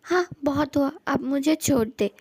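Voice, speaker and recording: A woman voicing a scolding but soft-hearted middle-aged mother in a fan dub drama, bossy and fussing. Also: high voice, moderate pace, creaky.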